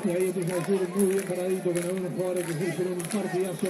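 A man's voice: high voice, little pitch movement, quick pace. A man giving live football match commentary as the commentator. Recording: noisy outdoor stadium with crowd. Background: crowd and outdoor stadium noise.

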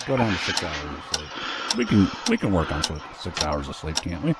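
A man's voice: rumbling low, very animated, moderate pace, heavy background noise. A man casually commenting while playing a video game, rambling and joking as he reads the screen text aloud. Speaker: gaming video host. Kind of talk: casual let's play commentary. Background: loud game music.

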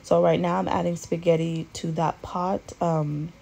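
A woman's voice: fairly low pitch, a little slow, creaky. A woman, chatting casually as she walks through a recipe at her home stove. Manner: relaxed, chatty, lots of fillers. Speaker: cooking vlogger. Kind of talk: casual cooking narration. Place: home kitchen.

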